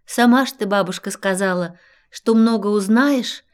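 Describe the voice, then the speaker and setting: A woman voicing a meek, polite young girl in an audio fairy tale, speaking softly. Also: medium pitch, normal speed, smooth, close to an everyday voice.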